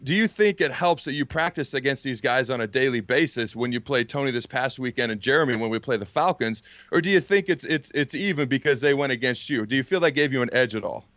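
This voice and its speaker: A man's voice: mid-range voice, expressive, fast, hardly any pauses, a bit bright, dry recording. American man co-hosting sports talk, dry studio sound. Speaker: sports show co-host.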